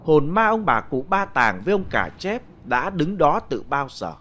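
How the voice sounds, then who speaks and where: A man narrating a ghost story in a dramatic, measured, atmospheric way. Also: fairly high pitch, very animated, pushed and bright, a little hiss or hum.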